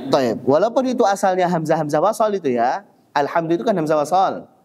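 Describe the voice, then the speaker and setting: Male recitation teacher, slightly high pitch, slow chanted demos between brisk explanations. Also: very animated, a little mellow. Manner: stretches words slowly to demonstrate pronunciation, then explains briskly; chants verse lines in a measured recitation. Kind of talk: tajwid lesson with slow demonstrations.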